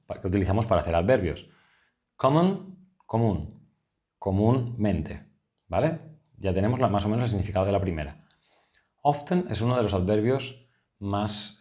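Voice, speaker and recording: A man's voice: on the low side, warm tone. A man with a Spanish accent, a tutor patiently explaining exam answers step by step and often checking in with his listeners. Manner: patient, methodical, asks "¿vale?" often.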